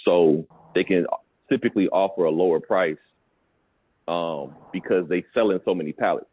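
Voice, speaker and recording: This is a pallet business coach on a call. His low, slightly rough voice moves at normal speed, the recording is dry and narrow like phone audio, and his chatty advice is punctuated by frequent questions checking the caller is keeping up.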